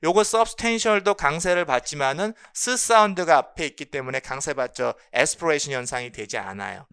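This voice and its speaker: A middle-aged male lecturer with a bright, forceful voice and a lively, animated pitch. He explains exam material, asking rhetorical questions and then answering them. His speech is crisp and clean, and it slips English terms into the explanation. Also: moderate pace. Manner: mixes English terms into Korean.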